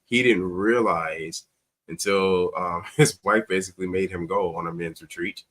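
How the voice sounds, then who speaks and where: His voice sits low and steady, fairly bright, at a normal speed. A teacher guesting on a talk show, he tells personal anecdotes conversationally during the interview and dramatizes quoted dialogue with emphasis.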